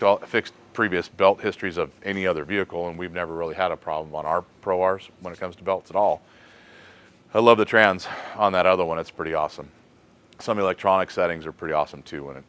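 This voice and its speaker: A deep-voiced American man leads a laid-back shop chat. His voice is smooth and clear. He muses aloud and leans on easy fillers as he answers questions. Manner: relaxed, thinking aloud with fillers. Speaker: host of a shop question segment. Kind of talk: casual shop talk.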